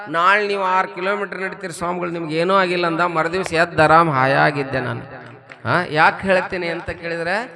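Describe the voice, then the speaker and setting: A man, a monk with a North Karnataka accent, telling a religious story as a sermon, asking the audience lively rhetorical questions. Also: sits high. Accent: North Karnataka Kannada. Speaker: monk giving a religious discourse. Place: religious gathering with a live audience.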